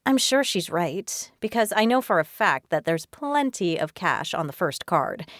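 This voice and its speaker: A woman narrating a romance audiobook in the first person in a steady, even reading voice. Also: lowish voice, a little slow, no room sound, clean studio sound.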